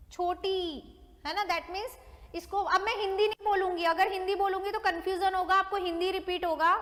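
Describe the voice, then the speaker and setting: Female teacher, very high pitch, slow drilled delivery, long reverb trailing each line. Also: a bit bright. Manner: slow, repeats each word for students to note down. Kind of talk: online class lesson.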